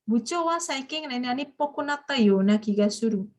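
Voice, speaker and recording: Higher-voiced woman teaching grammar. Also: animated, a little fast. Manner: explains patiently, quizzes students. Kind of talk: live class lesson.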